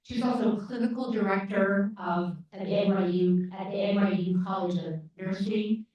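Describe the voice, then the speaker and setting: Introducing the panel at a live event, a woman moderator with a dairy-farm upbringing hesitates often, filling gaps and restarting sentences. Her medium-pitched voice is steady and normally paced, heard as dull, far-off audio echoing through a large lecture room.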